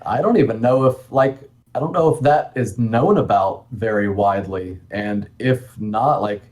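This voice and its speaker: A man answering interview questions as a game developer, talking in a relaxed, rambling way with many ums and asides. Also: fairly low pitch, moderate pace. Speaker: guest, NES homebrew game developer.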